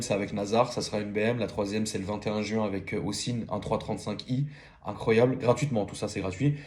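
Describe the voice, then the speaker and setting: A man's voice: fairly low pitch, darkish tone. Guy in his 30s vlogging late at night, slangy, lots of "euh", rambly. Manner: rambling, filler-heavy, slangy. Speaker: car YouTuber. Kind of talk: casual late-night vlog chat.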